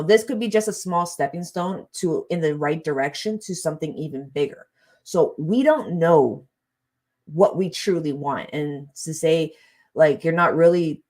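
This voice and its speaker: Chatty woman streamer, lowish voice. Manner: chatty, rambling, quick swings into laughter and exasperation. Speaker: live streamer. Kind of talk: casual live stream chat.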